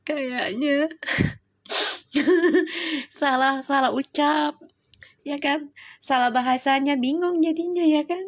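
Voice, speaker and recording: High-voiced chatty woman with slang. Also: slow pace, pauses often. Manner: chatty, laughs often, chats with viewers. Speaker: tarot reader. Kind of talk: casual livestream storytelling.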